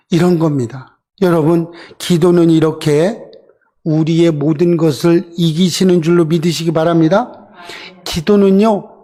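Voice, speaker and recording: A man's voice: sits high, a little mellow. A middle-aged male pastor preaching a sermon, often asking the congregation questions and acting out quoted lines. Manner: asks the congregation questions, answers with "그죠?"; voices Bible figures in quoted lines.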